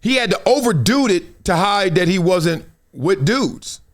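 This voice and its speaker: Hosting his show with joking, slangy commentary and stories, a middle-aged American man from South Central Los Angeles talks a little slowly but animatedly, in a high voice.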